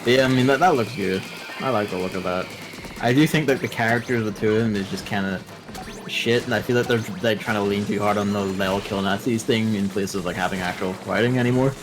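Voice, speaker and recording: A man's voice: on the low side, fast. A man co-hosting a casual gaming chat, rambling and sarcastic, swearing often as he plays. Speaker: co-host. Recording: game music playing behind.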